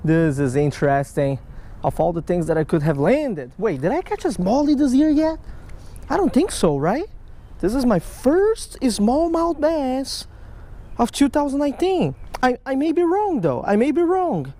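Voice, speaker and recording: Speaking a little slowly in a very high voice, a man fishes at a creek under a stone bridge and keeps up a casual, excitable commentary for his viewers and the fish. A chest-mounted action camera captures it all for his fishing vlog.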